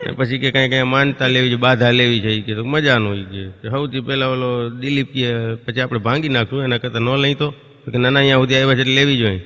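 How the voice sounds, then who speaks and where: A man's steady, medium-pitched voice sounds pushed and bright as he performs a folk stand-up act. He tells tales and quickly voices neighbours and children, with long stage-hall reverb around him.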